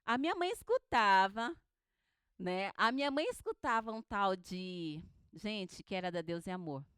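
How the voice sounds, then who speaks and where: A woman teaching a homiletics class, animated and questioning, who drills words syllable by syllable with her students. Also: medium pitch, a little slow, clean tone, no echo. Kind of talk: classroom lecture.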